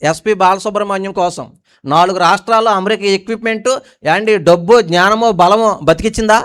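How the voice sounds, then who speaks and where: A male pastor delivers a sermon in a high, smooth, resonant voice. He keeps throwing questions at the congregation and drops from forceful emphatic lines to quiet, low asides. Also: a little fast. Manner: preaching with call-and-response questions to the congregation.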